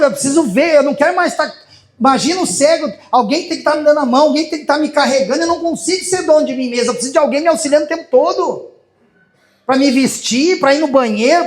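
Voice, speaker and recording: A male pastor with a Brazilian Portuguese accent preaching an impassioned sermon to his congregation. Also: extremely high pitch.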